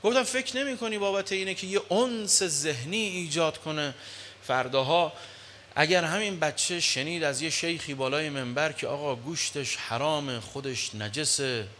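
A man delivers a sermon with a bright, forceful voice pitched a little high. He swings from low murmurs to loud exclamations. A faint room ambience sits behind him. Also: slight background noise. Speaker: preacher.

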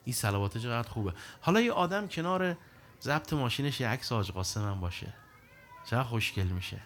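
A middle-aged man preaches with animation and emphasis, reciting scripture passages between his own explanations. His voice is medium-pitched.

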